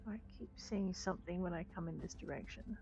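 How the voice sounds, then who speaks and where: A woman's voice: fairly low pitch, fairly quick, warm tone, lo-fi sound. A woman doing casual game playthrough commentary, musing aloud and reading game text as she goes. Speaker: gaming host.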